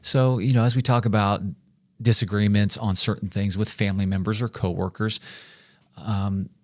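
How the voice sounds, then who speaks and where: Man, 40s, emphatic podcast co-host; low voice, dry close recording. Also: steady tone, moderate pace, dry recording. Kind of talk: faith-based leadership discussion.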